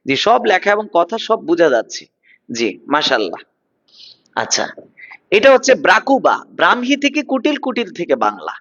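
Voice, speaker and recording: A man's voice: sits high, wildly swooping pitch, moderate pace, fairly bright tone. A man in his thirties teaching an online class, repeating words and coaxing his students along. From Bangladesh. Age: 30s. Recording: dull lo-fi online class audio.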